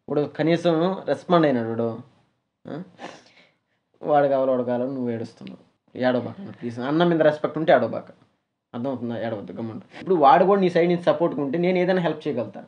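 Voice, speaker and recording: A man's voice: medium pitch, racing, a little mellow, dull audio. A man hosting, talking firmly like an older brother, scolding and consoling. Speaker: host. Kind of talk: casual chat.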